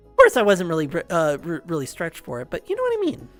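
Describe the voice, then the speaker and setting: A woman's voice: lowish voice, huge pitch swings, fast talker, soft background music. A woman streaming live, chatting casually and laughing often. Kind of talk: casual chat.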